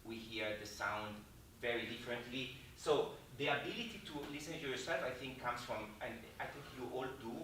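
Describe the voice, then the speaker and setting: A man with an Italian accent giving a lively talk to musicians about practicing, now and then slipping into Italian words. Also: mid-range voice, moderate pace, hardly any pauses, slight background noise. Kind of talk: lecture to musicians. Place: hotel event hall. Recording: echoey hall from far off.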